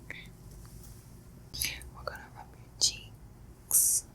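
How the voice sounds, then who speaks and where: A woman whispering softly and slowly through a pampering facial and calm breathing guidance. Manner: soft unvoiced whisper, slow soothing guidance. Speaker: ASMR creator. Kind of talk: ASMR whispered facial role-play.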